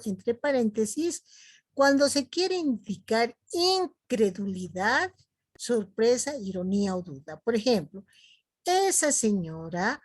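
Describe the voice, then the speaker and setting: A Bolivian woman teacher talks through a video class at an unhurried pace, checking in with "¿no?" and pausing on fillers as she thinks. Her Bolivian Spanish accent is clear, and the recording is dry and close, with no room sound. Her pitch sits at a middle level for a woman. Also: a little mellow, dry recording. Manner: slow, explanatory, with frequent "¿no?" tags and fillers. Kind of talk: recorded video lecture on punctuation.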